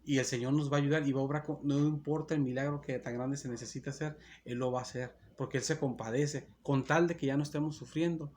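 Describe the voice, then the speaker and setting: A man's voice: mid-range voice, steady tone, fast, hardly any pauses, darkish tone, slight background noise. A man preaching a sermon as pastor, earnest and repetitive, often restarting his phrases.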